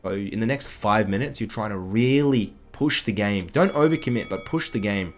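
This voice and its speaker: A young man at a desk indoors casually comments on a game replay, his slightly croaky voice sitting on the low side at a moderate pace. He's chatty, breaking into excitable bursts over calm analysis, with background music playing.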